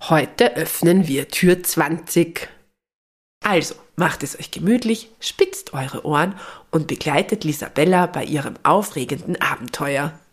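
Brief: woman narrating a bedtime story for children, gentle and clear, a touch low. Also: expressive, measured pace.

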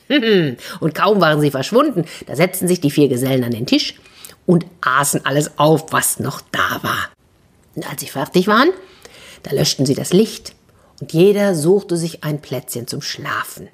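A woman narrating a fairy tale for children in a lively, chatty way with little asides. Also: sits low, normal speed, breathy edge. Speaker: storyteller.

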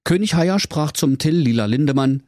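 A man narrating a comic bedtime story in a playful, animated way. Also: on the high side, moderate pace, no echo, studio quality.

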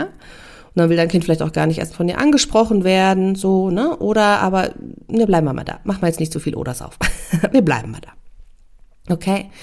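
A woman's voice: medium pitch, darkish tone. A woman hosting a parenting podcast in a conversational monologue, often checking in with the listener.

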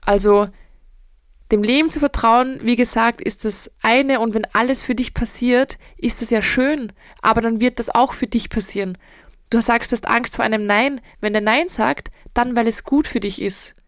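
A woman's voice: a little high, fairly even intonation, normal speed, dry recording, clean studio sound. A woman hosts a solo podcast, answering listener questions in a direct, emphatic, motivational way. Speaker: podcast host and mental coach.

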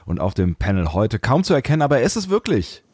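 A man's voice: mid-range voice, big pitch swings, fast talker, darkish tone, slightly rough, no echo, studio quality. A man hosting a podcast in casual, rambling chat with a wry manner. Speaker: podcast host.

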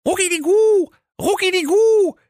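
A man's voice: very high voice, a little slow, darkish tone, no room sound, clean studio sound, pitched above the performer's own voice. A man voicing three tiny chirping cheeses that chant a singsong warning from a tree.

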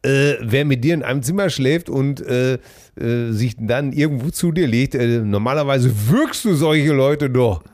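A man's voice: medium pitch, moderate pace, darkish tone, no echo. A man co-hosting a casual chat, chiming in with short dry remarks. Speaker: co-host.

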